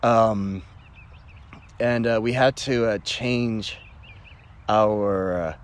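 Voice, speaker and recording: A man's voice: lowish voice, fairly even intonation, drawn-out words. A young man, a Marine veteran, telling his stories casually in an interview, laughing often and stumbling through fillers and restarts. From Canada. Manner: laughs often, many fillers and restarts, acts out quoted voices.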